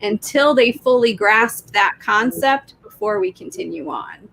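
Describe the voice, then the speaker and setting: A woman's voice: a little high, big pitch swings, measured pace, creaky, a bit bright, low-quality recording. A woman telling stories about homeschooling in casual chat on a live stream. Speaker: homeschooling parent guest.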